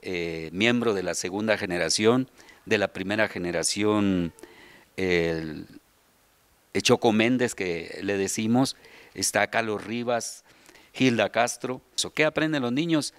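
With a Guatemalan accent and a lowish voice, a middle-aged man explains things in an interview, often pausing to find his words. He's the subdirector and voice announcer of a children's radio theater, using a handheld mic in a large indoor hall with a seated group, and there's no echo.

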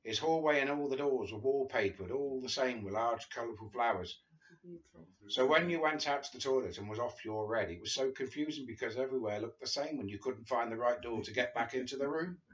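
Sitting on a sofa in a small living room, a guest reader, an Englishman in his fifties, reads from a memoir with casual amusement. He speaks a little fast in a mid-range voice, heard through dull, lo-fi video call audio.

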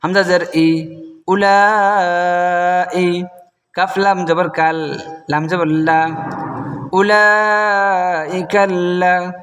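A man with a Bangladeshi Bengali accent teaching Quranic recitation, spelling words out letter by letter and chanting the verses slowly. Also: little pitch movement, big-room sound. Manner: slow and deliberate, chanting the verses higher and drawn out. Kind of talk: spelling out Quranic Arabic word by word.

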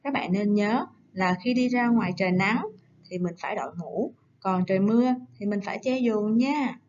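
A woman teacher giving a recorded lesson to young children, coaxing and gentle, slowing down to read words aloud. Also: mid-range voice, muffled recording. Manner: gentle, coaxing, slow syllable-by-syllable dictation. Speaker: primary school teacher.

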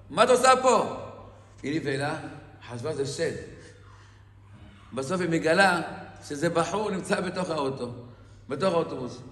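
A male preacher telling a story in a sermon, animated, with emphatic rising outbursts. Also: a little high. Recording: echoey hall reverb.

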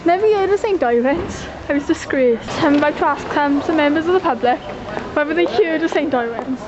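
A woman's voice: high voice, brisk, lo-fi sound. A young adult woman with a South Wales Valleys accent, presenting an amateur explainer video. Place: small computer room, living room and shopping streets. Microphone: camcorder microphone a few feet away. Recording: roomy echo with clear background noise.

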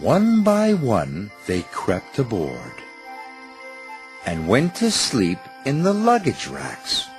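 A man narrating a children's cartoon in a slow, expressive storytelling way. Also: medium pitch, soft background music.

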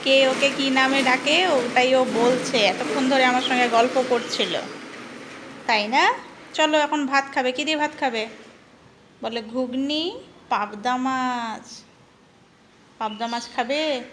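A woman's voice: high-pitched, unhurried, noisy background. A young adult woman vlogging at home, coaxing her small child with repeated questions. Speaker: vlogger and mother. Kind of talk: casual home vlog. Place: family home.

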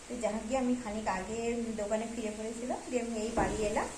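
A woman's voice: on the high side, fairly even intonation, rapid-fire. A middle-aged woman chatting casually in a home vlog, narrating her cooking and her day. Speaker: vlogger. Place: home kitchen. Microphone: handheld phone. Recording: echoey room with faint ambient noise.

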